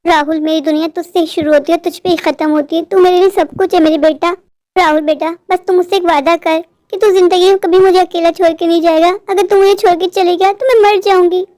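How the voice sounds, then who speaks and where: A fussing, affectionate mother bird, voiced by a woman in a cartoon, doting on her son and fearful of loneliness. Her voice is very high. The recording is dry and close. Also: steady tone, brisk, darkish tone, no echo. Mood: worried. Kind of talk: cartoon voice acting.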